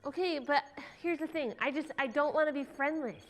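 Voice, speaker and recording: A woman's voice: high-pitched, a little fast. A woman voicing a chatty, eager young puppet girl in a children's church show. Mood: worried. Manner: chatty, upbeat.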